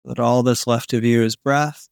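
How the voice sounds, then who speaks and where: Slow, soothing male sleep story narrator, closely dry. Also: medium pitch, steady tone, vocal fry, clean tone, dry recording. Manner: slow, soothing, long pauses. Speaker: podcast host guiding a sleep meditation.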